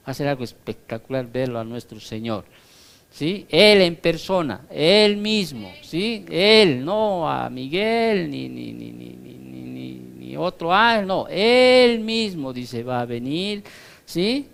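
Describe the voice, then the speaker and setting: A man's voice: a little high, vocal fry. A male pastor giving a Bible study sermon in a conversational teaching tone, explaining through comparisons and constantly checking that his listeners follow.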